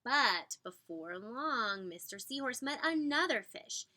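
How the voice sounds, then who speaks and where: A woman reading a children's picture book aloud in an expressive, emphatic way, drawing out some words. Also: a little high. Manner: animated, emphatic, with drawn-out words. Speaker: storybook reader.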